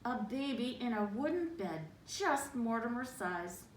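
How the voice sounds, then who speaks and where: Picked up by a distant mic in a roomy space with faint noise, a woman with a fairly high voice and lively intonation reads a picture book to children. She goes a little slowly, adding dramatic emphasis and little asides for her young audience.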